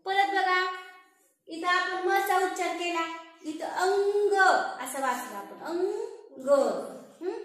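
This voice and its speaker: A woman teaching a class, drawing words out slowly, repeating them and quizzing her students. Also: very high-pitched, a bit bright. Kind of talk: classroom lesson on reading and writing. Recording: very echoey room.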